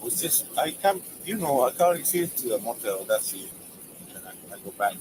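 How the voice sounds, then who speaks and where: A man from Mexico with a Mexican Spanish accent, answering roadside questions in halting, broken English full of restarts. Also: medium pitch, big pitch swings, noisy background. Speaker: driver stopped by police. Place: outdoors by a roadside.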